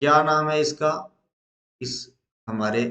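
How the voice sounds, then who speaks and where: A man's voice: a little high, slow, bright, forceful tone, reverberant. A male teacher, leading a lesson at the board, asking questions and answering them himself.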